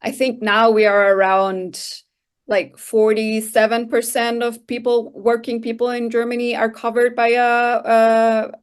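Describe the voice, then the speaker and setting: Costa rican woman in her 30s, guest on a podcast, explains stuff slowly w lots of pauses and "like"s. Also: fairly high pitch, completely flat delivery, smooth. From Costa Rica. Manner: thoughtful, explaining with frequent hesitations and "like". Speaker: guest researcher. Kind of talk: conversational interview answers.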